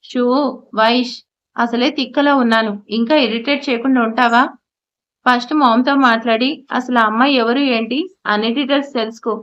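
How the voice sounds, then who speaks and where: A woman's voice: on the high side, steady tone, brisk, fairly bright tone, lightly acted. A woman voicing an irritated, bossy young man in an audio story, speaking sharply and impatiently. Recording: slightly muffled audio.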